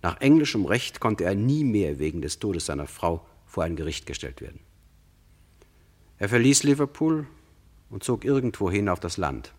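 A man with a deep, darkish voice tells a true crime radio play in a sober, measured way, explaining matters directly to the listener, though his delivery has a sing-song quality.

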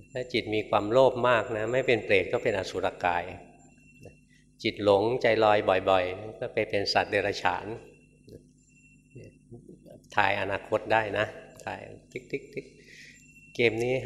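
A man, a Buddhist monk, giving a Dhamma talk in a conversational, gently humorous storytelling manner. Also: on the low side. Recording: reverberant hall with faint noise.

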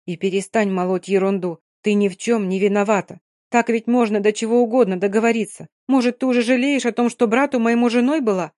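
A woman's voice: fairly high pitch, fairly even intonation, unhurried, hardly any pauses, mellow, no echo, clean studio sound, natural voice. A woman reading an audiobook, voicing a fierce, stubborn young woman who scolds sharply and then consoles firmly. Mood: scolding.

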